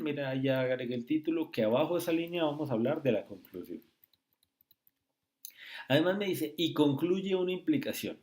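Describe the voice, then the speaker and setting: A man tutoring logic in a screen-recorded lesson, speaking slowly and often checking with "¿sí?" and "¿listo?". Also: medium pitch, a little mellow. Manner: slow, repetitive, asks rhetorical checks.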